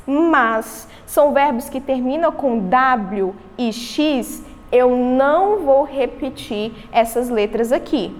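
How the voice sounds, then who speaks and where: A high-pitched woman with a Brazilian Portuguese accent teaches an English lesson, walking through each rule step by step. She asks herself questions and then answers them. Her voice rings with a long reverb, as if she is in a reverberant room. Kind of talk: recorded remote lesson.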